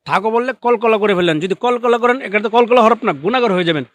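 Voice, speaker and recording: A man teaching Quran recitation in a live online lesson, stretching each model word slowly between brisk explanations, and growing loud and emphatic when he corrects mistakes. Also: high voice, no room sound.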